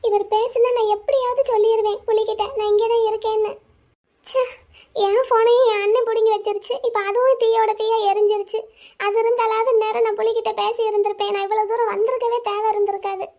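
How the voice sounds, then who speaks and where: A woman voicing a worried young woman in an animated drama, talking in a pleading way. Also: very high voice. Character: young woman Angel, anxious, hiding away.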